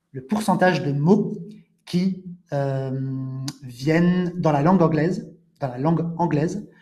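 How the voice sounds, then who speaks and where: A man hosting a live online language webinar, explaining things slowly with frequent restatements and talking to viewers in the chat. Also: a little high, a little mellow. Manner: interactive, addresses viewers in the chat. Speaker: French teacher hosting a webinar.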